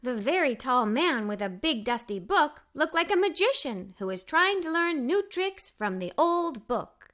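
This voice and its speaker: Voicing a cheerful little girl as narrator, a woman expressively reads a children's story in a scripted read-aloud for young listeners. Her pitch sits high and a touch bright, with a sing-song, unhurried flow and few pauses.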